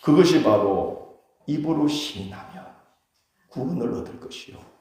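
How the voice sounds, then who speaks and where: A man's voice: fairly high pitch, expressive, unhurried, a little mellow. A male pastor with a Gyeongsang accent, preaching a Sunday sermon in a conversational way and quizzing the congregation with questions. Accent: Gyeongsang Korean. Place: church sanctuary. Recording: very echoey church hall.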